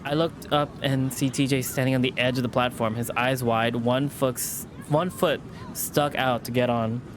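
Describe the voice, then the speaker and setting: A man's voice: mid-range voice, steady tone, normal speed, background noise. A man reading a visual novel aloud with chatty asides, sometimes stumbling and rereading a line. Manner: stumbles over words and rereads lines.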